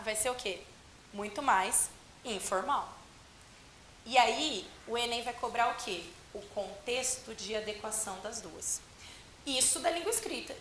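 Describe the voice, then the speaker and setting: Woman teacher, lively lecture, bright voice, echoey classroom, faint hiss. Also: on the high side. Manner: lively, asks the class questions and answers them herself. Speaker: Portuguese teacher.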